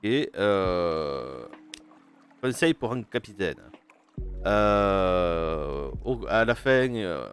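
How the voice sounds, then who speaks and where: A man's voice: low voice, sing-song, very slow, faint music behind. A man streaming a game live, hesitant and full of fillers, chatting with his viewers and reading game text aloud. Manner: hesitant, many fillers and restarts, chats with viewers.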